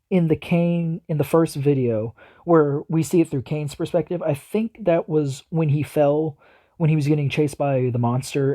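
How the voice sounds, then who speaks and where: A man's voice: medium pitch, mellow. A man hosting a reaction video, talking casually and musing aloud as he speculates.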